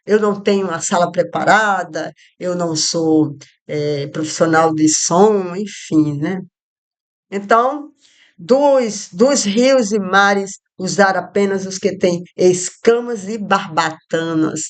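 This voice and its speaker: A woman from Rio Grande do Norte, Brazil, with a Northeastern Brazilian Portuguese accent and a lowish voice, leads an informal Bible study at home. She takes it slowly, drifting into asides with many fillers and restarts, while soft music plays and street traffic sounds outside.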